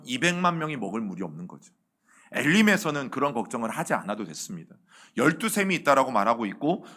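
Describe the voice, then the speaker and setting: A man's voice: mid-range voice, pushed and bright. A man preaching as senior pastor at a Wednesday evening church service, calling out to the congregation and asking them questions he then answers. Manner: addresses the congregation as "여러분" again and again, asks questions and answers them. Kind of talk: sermon.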